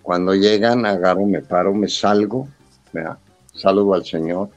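A middle-aged man with a low voice tells a personal story in a relaxed, chatty way. He is recorded dry and up close, with faint music underneath. He brings the story to life by acting out what each person said. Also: normal speed, no room sound, lo-fi sound. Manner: animated retelling that acts out quoted dialogue. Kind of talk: casual anecdote.

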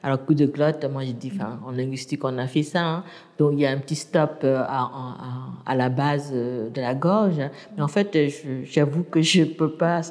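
Native Burmese-speaking woman lecturer, low and mellow, hesitant explainer, long reverb. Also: moderate pace. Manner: hesitant, many restarts and fillers, explanatory. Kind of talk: interview.

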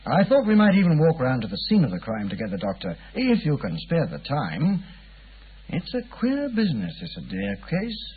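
Very husky Inspector Lestrade, muffled old radio. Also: male voice, a little high, wildly swooping pitch, moderate pace, exaggerated voice. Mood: confiding. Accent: English. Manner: hesitant, colloquial, deferential. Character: Inspector Lestrade, weary, puzzled, chatty Scotland Yard policeman. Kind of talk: 1950s radio drama acting.

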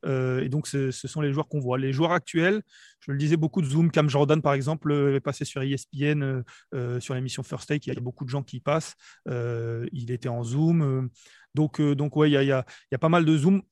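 Casting: quick, hesitant male reporter from southern France, dry close sound. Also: mid-range voice, fairly even intonation, a little mellow, dry recording. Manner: hesitant, many fillers and restarts. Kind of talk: casual podcast chat.

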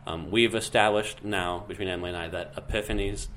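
A man with a low, deep voice co-hosts a relaxed home podcast, thinking aloud and rambling with plenty of fillers. A faint room ambience sits under his voice. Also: brisk, slight background noise. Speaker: podcast co-host. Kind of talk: casual chat.

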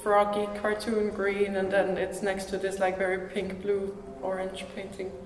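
A woman's voice: medium pitch, monotone, moderate pace, faint music behind. A woman from Denmark hosting a podcast interview, talking casually in a chatty way with many "like" fillers inside a gallery exhibition room. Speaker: podcast host. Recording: echoey gallery room with long reverb.

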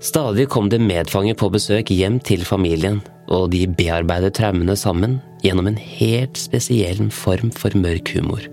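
Deep-voiced man narrating a history story. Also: hardly any pauses, darkish tone. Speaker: podcast narrator. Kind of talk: scripted narration. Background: faint music.

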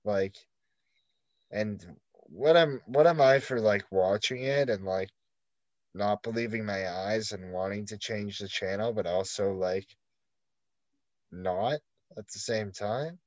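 A man's voice: lowish voice, slow pace, dry recording, lo-fi sound. A man co-hosting a casual podcast, rambling through a story with constant "like" fillers and plenty of swearing. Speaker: podcast co-host.

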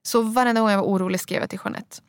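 A woman's voice: medium pitch, steady tone, no room sound, studio quality. A young woman from Sweden co-hosting a podcast, talking in an earnest, emphatic, chatty way. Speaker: podcast co-host. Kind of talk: casual chat.

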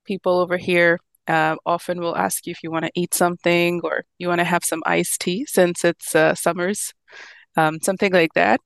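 A Pakistani woman in her thirties, a physician, tells her story as a guest in casual interview talk, friendly and laughing easily. Her voice is fairly low and creaky with a flat delivery at normal speed, recorded dry.

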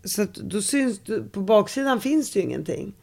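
A woman's voice: medium pitch, sing-song, vocal fry, a little mellow. A woman hosting a casual chat, asking curious questions and joking.

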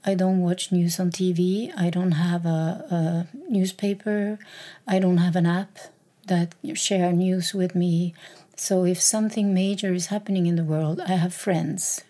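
A woman's voice: on the low side, steady tone, unhurried, mellow. A woman talking alone on her podcast in a reflective, hesitant way, with many fillers and repeated words. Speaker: podcast host.

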